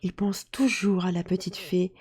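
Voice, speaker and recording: A woman narrating a children's story in a lively, expressive way. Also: lowish voice, normal speed, husky.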